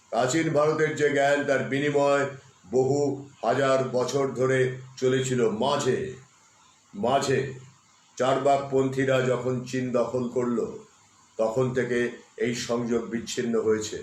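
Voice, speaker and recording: A man's voice: mid-range voice, a little hiss or hum. A man presenting a history talk on a live stream, who keeps asking his viewers rhetorical questions and stresses key words. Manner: emphatic, spells out terms letter by letter. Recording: echoey room.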